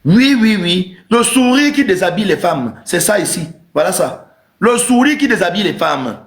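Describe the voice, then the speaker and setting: Guy doing a teasing comic rant on a live stream, kinda high voice, echoey room. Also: very animated, normal speed, fairly bright tone. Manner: emphatic, repetitive, teasing. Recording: roomy echo.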